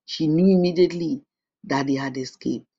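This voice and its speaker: A storyteller narrates a folk tale at a steady, measured pace. The voice is husky with a gravelly fry. The recording sounds dull and lo-fi. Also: medium pitch.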